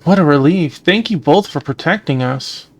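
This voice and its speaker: A man's voice: fairly high pitch, animated, normal speed. A man casually commenting on a video game as he plays, chatting and reading the subtitles aloud. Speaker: let's play host. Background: game music.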